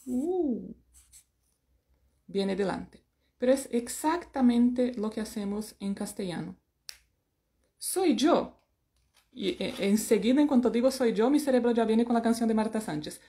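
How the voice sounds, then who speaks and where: A woman's voice: medium pitch, warm tone. A woman from teaching an English lesson in Spanish, playful and joking about herself. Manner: playful, sings snatches of songs and jokes about herself.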